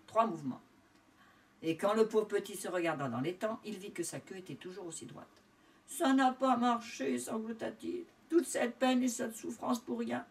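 Woman, storybook reading for kids, sing-song, lively pitch, distant from the mic. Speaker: teacher reading to children. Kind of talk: storybook read-aloud.

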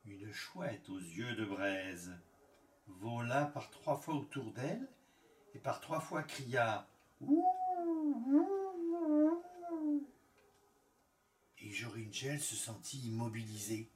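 A male storyteller reading a fairy tale in a calm, measured way with lingering pauses. He speaks slowly. The recording is roomy, and he sits well back from the mic. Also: lowish voice. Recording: echoey room, far from the mic.

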